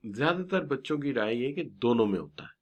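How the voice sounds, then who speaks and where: A man's voice: medium pitch, big pitch swings, brisk, lo-fi sound. A middle-aged man giving a classroom lecture on business communication, stretching and stressing words as he teaches and often praising his students. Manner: mixes English terms into his explanations.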